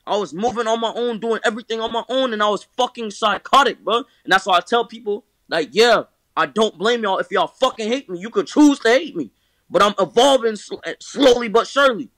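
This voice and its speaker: A man's voice: high-pitched, a little fast, a bit bright, no room sound. A nineteen-year-old man in candid conversation, talking emphatically and profanely, repeating himself and ending lines with "bro". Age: teens. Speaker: rapper guest.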